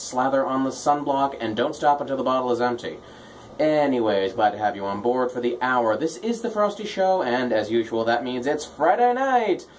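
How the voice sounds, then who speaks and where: A man's voice: mid-range voice, a little hiss or hum, rough recording. A man hosting a radio show with casual comic patter, tongue-in-cheek and self-deprecating. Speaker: radio host, DJ.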